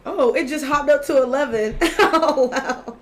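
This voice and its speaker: A woman's voice: sits high, unhurried, fairly bright tone. A woman co-hosting a podcast, upbeat and cheering everyone on. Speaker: podcast host. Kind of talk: casual podcast chat.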